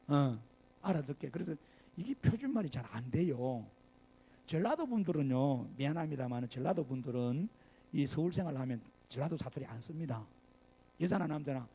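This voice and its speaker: A man's voice: fairly high pitch, sing-song, moderate pace, mellow, slightly rough. An older man, a pastor, preaching a sermon in a Gyeongsang accent, chatty and full of asides and rhetorical questions. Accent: Gyeongsang Korean. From Gyeongsang region, Korea. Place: church sanctuary.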